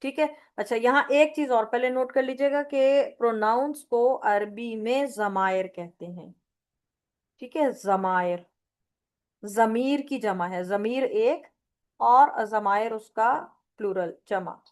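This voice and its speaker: A woman teacher giving a grammar lecture, explaining slowly with repeated examples and mixing English terms into her speech. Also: on the high side, a little mellow. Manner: mixes English terms into Urdu. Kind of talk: online Arabic grammar lecture.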